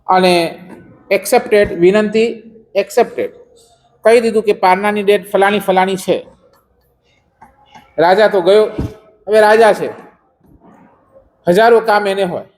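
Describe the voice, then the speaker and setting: A man with a high voice delivers a religious discourse as a story. He keeps the listeners involved by asking them rhetorical questions along the way. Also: fairly even intonation, measured pace, long pauses. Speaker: preacher.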